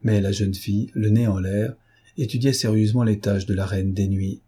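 A man narrates a classic novel in a low voice with a dark, mellow tone. There is a husky grain to it. His storytelling is calm and even. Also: moderate pace. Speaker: audiobook narrator. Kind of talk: scripted narration.

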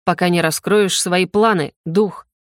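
A cold, sarcastic general, as a woman reader puts him on for an audiobook. He speaks in curt, clipped lines, slow and lower than her narration. The sound is dry and close. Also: fairly even intonation, no echo, close to an everyday voice. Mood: cold, mocking. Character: cold, mocking male general, a warrior.

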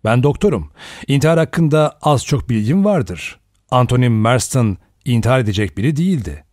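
A man's voice: mid-range voice, sing-song, normal speed, darkish tone, no echo, clean studio sound, natural voice. A man reading an audiobook and voicing a stiff, defensive male doctor who speaks in a cold, clipped, cutting way. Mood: serious.

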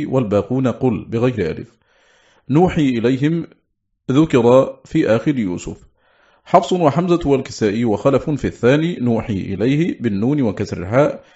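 Guy doing a formal classical book reading, measured, slows on the quotes, muffled lo-fi audio. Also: mid-range voice, dark tone.

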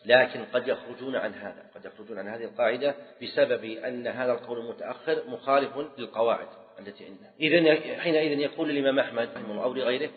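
A man's voice: mid-range voice, rapid-fire, hardly any pauses. A man teaching a class on jurisprudence, repeating key phrases and putting questions to his students. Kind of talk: classroom lecture. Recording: tinny lo-fi recording in a reverberant hall.

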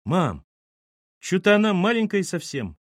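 A man's voice: sits high, big pitch swings, a little slow, no echo, pitched above the performer's own voice, heavily acted. A curious, blunt boy peering at his new baby sister and asking awkward questions, as a male narrator puts him on. The voice is raised and bouncy, puzzled and frank. Dry close storybook reading.

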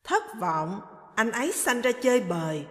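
Earnest pleading son, woman reading, low measured delivery, echoey room. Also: sing-song, fairly bright tone. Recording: echoey hall reverb.

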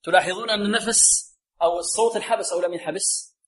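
A man's voice: high-pitched, quick pace, fairly bright tone. A man teaching Quran recitation to students, drilling letter sounds aloud and quizzing the class. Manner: drills sounds aloud, asks the class questions and repeats answers; often repeats a set blessing phrase to the students. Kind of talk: tajweed lesson to students.

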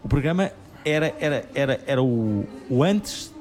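A man's voice: medium pitch, lively intonation, normal speed, darkish tone. A man hosting a podcast, talking in a rambling way with hesitant restarts. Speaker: podcast host. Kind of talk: casual chat.

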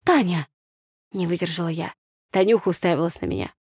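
A woman narrating an audiobook in the first person with an even, calm delivery. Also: on the low side, brisk, no room sound, studio quality. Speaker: audiobook reader.

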